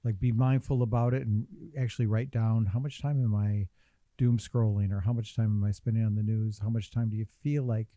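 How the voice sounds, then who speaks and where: An older man, co-hosting a casual mental health podcast in a relaxed, measured, reflective way. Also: on the low side, dry recording. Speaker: podcast co-host, social worker.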